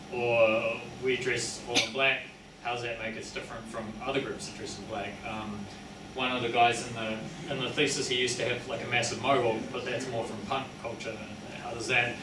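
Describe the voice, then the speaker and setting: A man with a New Zealand accent who talks like a working-class tradesman, matey and colloquial, rambling and correcting himself as he gives an informal public talk. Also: medium pitch. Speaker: speaker giving a public talk on his research and book. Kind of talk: informal public lecture with audience questions. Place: indoor public venue with audience. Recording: echoey room, distant mic, clearly noisy.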